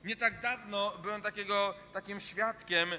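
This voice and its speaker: A man from Poland preaching a sermon in an earnest, repetitive way, pausing on fillers. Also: high voice, fairly even intonation, bright, forceful tone, a little hiss or hum. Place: church hall. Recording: long reverb of a large hall.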